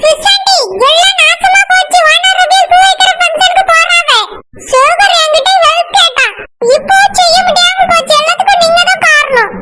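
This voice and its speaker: A performer voicing a frantic servant woman in a cartoon who shouts and scolds in exasperation. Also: extremely high pitch, normal speed, very noisy. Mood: exasperated.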